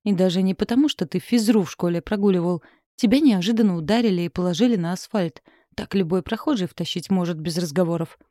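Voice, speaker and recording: A woman's voice: lowish voice, quick pace, mellow, dry recording, clean studio sound, natural voice. A woman voicing a curt, irritable male boss in an audiobook. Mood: irritated. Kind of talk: audiobook reading.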